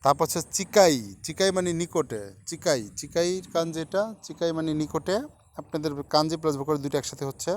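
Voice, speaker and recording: A man teaching Japanese kanji in a lesson, repeating each word and its meaning slowly for learners. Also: on the high side. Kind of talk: kanji lesson explained in Bengali.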